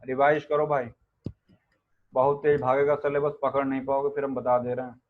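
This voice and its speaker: A man teaching an Ayurveda class, reciting Sanskrit verses and firing quick questions at his students. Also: mid-range voice, flat delivery, slight background noise. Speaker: Ayurveda lecturer. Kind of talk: classroom lecture. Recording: narrow phone-like sound.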